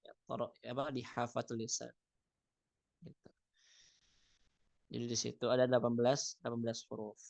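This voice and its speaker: A man, teaching Quran recitation, reads Arabic phrases and then explains them in a relaxed, chatty way with many fillers. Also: mid-range voice, normal speed, creaky, pauses often, dry recording. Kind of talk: explaining a text line by line.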